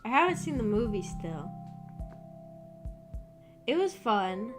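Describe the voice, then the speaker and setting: Her voice still rough from waking up, a young woman chats on stream over music, rambling and leaning on fillers. She sounds very animated yet slow, pitched on the high side.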